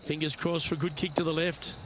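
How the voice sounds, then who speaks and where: A man performs a courteous golf play-by-play announcer for a video game. His voice sits a bit high and his calls are measured. Clear background noise of the outdoors runs behind him. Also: level tone, fairly bright tone, lightly acted. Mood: measured commentary. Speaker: golf commentator.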